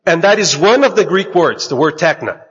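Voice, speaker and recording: Here a preacher, Portuguese by first language, sounds animated, his slightly high voice carrying a breathy edge. He speaks in measured short phrases and stops so an interpreter can relay his sermon, captured dully in a large echoing hall.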